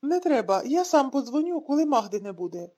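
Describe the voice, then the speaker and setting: A woman's voice: sits high, sing-song, fairly quick, warm tone. A woman reading an audiobook, voicing a young father who puts on forced cheerfulness to hide his worry. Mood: forced cheer.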